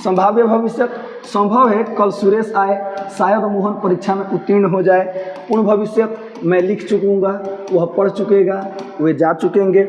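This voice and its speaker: A man teaching grammar, his voice high and playful. He often answers his own questions. The sound is roomy with a long reverb and a dull, lo-fi edge. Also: fairly even intonation, moderate pace, slight background noise. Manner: playful, asks himself questions in a higher voice. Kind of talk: grammar lesson for students. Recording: echoey room, dull lo-fi sound.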